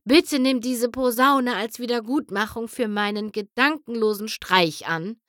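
A woman's voice: a little high, measured pace, a bit bright, no echo, studio quality. A woman reading a storybook, voicing a mischievous male chimera trickster with a theatrical, teasing manner. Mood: mock-humble.

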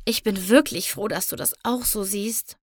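A woman voicing a shy, gentle female pony who speaks softly and hesitantly. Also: mid-range voice, moderate pace, no echo, clean studio sound, lightly acted.

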